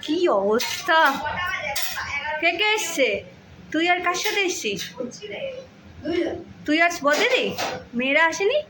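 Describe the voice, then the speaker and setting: A woman visiting a relative, chatting excitedly and teasingly to the camera. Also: very high-pitched, takes it slowly, long pauses. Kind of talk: casual chat to camera. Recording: noisy background.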